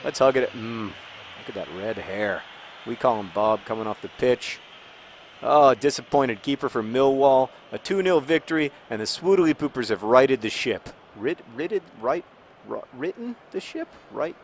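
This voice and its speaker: A man's voice: mid-range voice, expressive, normal speed, a little hiss or hum. A man hosting a gaming video, chatting casually and rambling with joking asides while he plays.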